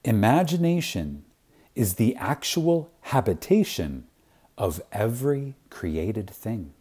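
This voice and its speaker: With a lowish, mellow, slightly rough voice and big pitch swings, a man reverently and dramatically reads aloud an uplifting spiritual lecture. He leans heavily on emphasis and lets long pauses hang.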